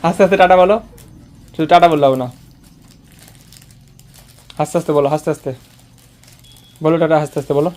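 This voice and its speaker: A man's voice: fairly high pitch, a little fast, long pauses, darkish tone. A man filming a casual home vlog, teasing and coaxing a child in a playful way, often repeating his words. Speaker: vlogger.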